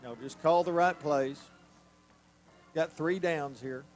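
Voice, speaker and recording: A man's voice: a little high, takes it slowly, soft background music. An American man giving casual color commentary alongside a play-by-play announcer at a football game.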